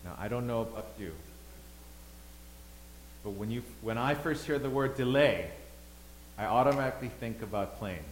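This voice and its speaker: A man's voice: medium pitch, moderate pace, pauses often. Man preaching in an echoey hall. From Thailand. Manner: dynamic, swings between loud emphasis and quiet asides. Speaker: pastor. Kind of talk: sermon. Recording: echoey hall, faint hum.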